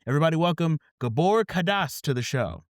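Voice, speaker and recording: A man's voice: on the high side, lively intonation, fairly quick, dry recording. Casual male podcast host, dry sound. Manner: casual, often repeats "absolutely". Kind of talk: scripted opening then casual interview.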